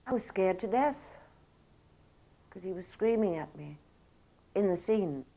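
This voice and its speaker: A woman's voice: medium pitch, animated, measured pace, mellow, rough recording. An older woman recalling anecdotes candidly in a documentary interview.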